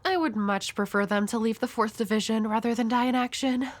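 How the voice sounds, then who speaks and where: A woman's voice: on the high side, fairly even intonation, brisk, close to an everyday voice. Himeno, a woman playing a flirty, world-weary devil hunter. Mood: wistful, resigned. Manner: teasing, coy, breathy at times. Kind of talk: intimate audio roleplay addressed to the listener.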